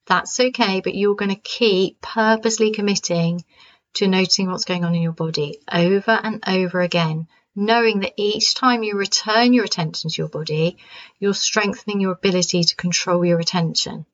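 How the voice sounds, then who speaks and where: A woman coach leading a calm grounding exercise with gentle, permissive, unhurried instructions and pauses between phrases. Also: mid-range voice, dull audio. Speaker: wellness coach leading a mindfulness practice.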